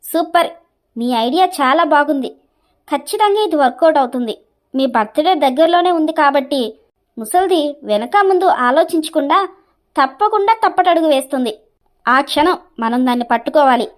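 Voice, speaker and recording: A woman's voice: sits high, animated, moderate pace. A woman voicing a spirited young wife in a cartoon story, teasing her husband and privately mocking her mother-in-law. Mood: playful.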